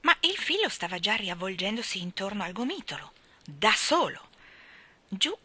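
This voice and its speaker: A woman narrating a children's story as an expressive reader, dropping to a hush in quiet passages. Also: medium pitch, moderate pace, breathy edge. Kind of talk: audiobook reading.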